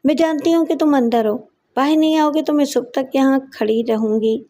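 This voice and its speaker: A woman's voice: high-pitched, close to an everyday voice. Woman narrator voicing a furious jealous wife. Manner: shouting, scornful taunts. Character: hot-tempered jealous wife, middle-aged woman.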